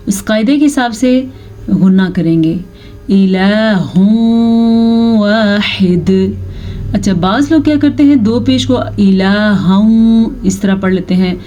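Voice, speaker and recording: Female tajweed teacher, warm low-key tone, chants slowly then explains briskly. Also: dull audio. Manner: alternates slow drawn-out chanted recitation with brisk spoken explanation. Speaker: Quran recitation teacher. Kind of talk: tajweed lesson, explaining and demonstrating recitation.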